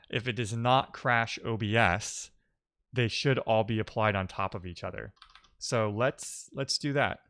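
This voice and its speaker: His mid-range voice is clean in tone and a bit bright. He's streaming a live coding session, chatting casually in halting bursts while he thinks aloud and mutters to himself over the work.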